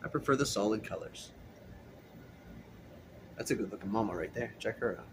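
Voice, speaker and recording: An aquarium hobbyist vlogger strolls through an indoor fish room lined with rows of tanks, filming on a handheld phone. His voice is lowish and his pace moderate as he chats in a relaxed, rambling way over a noisy background.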